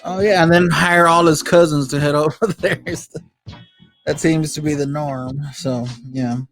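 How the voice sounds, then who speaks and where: A man with a slightly high voice chats and gripes like a laid-back talk show host, leaning on slang and rhetorical questions. Music plays underneath him. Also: steady tone, measured pace, fairly bright tone. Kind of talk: casual chat and ranting about pet peeves.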